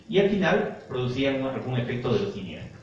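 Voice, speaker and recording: A man's voice: mid-range voice, very animated, fairly quick, darkish tone. A male psychotherapist recounts a clinical case, winding through the story with frequent little tag questions and repeated words. He is heard from some distance in a very echoey room, the sound dull and muffled with a faint hiss behind.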